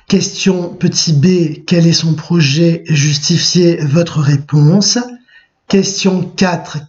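A male teacher talks his students through exam questions in a clear, instructive way. His voice sits a little high. The recording is dull and lo-fi. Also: a little mellow. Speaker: French teacher. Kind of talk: recorded lesson for middle school students. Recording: muffled lo-fi recording.

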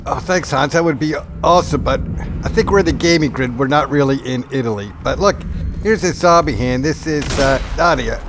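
A man's voice: fairly high pitch, brisk, background noise. A man casually narrating a game walkthrough, rambling and laid-back with many fillers. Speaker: gaming video host.

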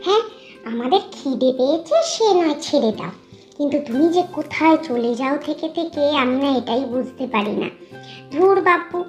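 Woman doing a hungry worried kid-ish cartoon voice, high, keeps asking where she went. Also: dull audio. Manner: pleading, questioning. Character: young household member, worried and hungry.

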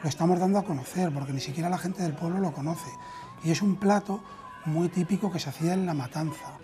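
In an empty restaurant dining room, a Spanish restaurant owner in his thirties gives an interview, talking conversationally with a Castilian accent. His voice is fairly high yet dark in tone, he speaks fast, and he's recorded on a lapel mic.

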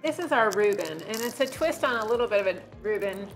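A woman's voice: mid-range voice, lively intonation, fast, faint music behind, low-quality recording. A woman in her forties, a restaurant owner, talking in a friendly, chatty way during a casual sit-down interview in a restaurant booth. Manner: friendly, chatty, laughs easily. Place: brick-walled restaurant booth, indoors. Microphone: lapel mic.

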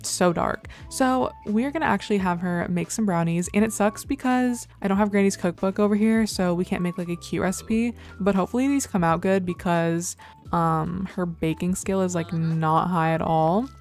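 A young adult woman hosting casual game commentary, chatty and excitable, filling nearly every phrase with "like". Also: lowish voice, normal speed, soft background music. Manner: chatty, says "like" constantly, excitable exclamations. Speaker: gameplay host.

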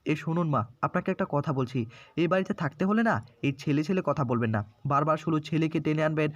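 A man's voice: on the high side, fairly quick, no echo, close to an everyday voice. A man voicing a fed-up young wife, firm and scolding. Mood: angry, firm. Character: angry young wife done with her mother-in-law.

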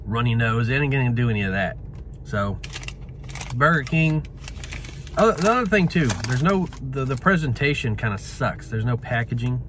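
A man's voice: mid-range voice, animated, moderate pace. A man in his thirties giving a casual food review to camera from inside a car. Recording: in a car with clear vehicle noise.

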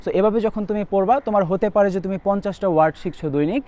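A young man teaching vocabulary for admission tests, repeating word lists quickly as a tutor. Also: high voice, dark tone. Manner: rapid, repetitive drilling of word lists. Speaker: English tutor. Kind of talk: admission test vocabulary lesson.

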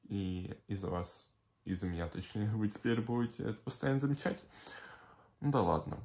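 A man's voice: fairly low pitch, expressive, normal speed, darkish tone, roomy sound. A young man with a slight slushy lisp chats in a slangy, rambling way for a casual home video diary. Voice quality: slight slushy lisp from whitening strips on teeth. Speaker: vlogger. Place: indoors at home. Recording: clearly noisy background with clicks.

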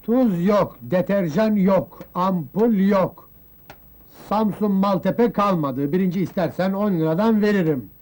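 A shifty grocer, high but mellow voice, film comedy. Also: male voice, a little slow. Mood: evasive. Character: sly male neighborhood grocer.

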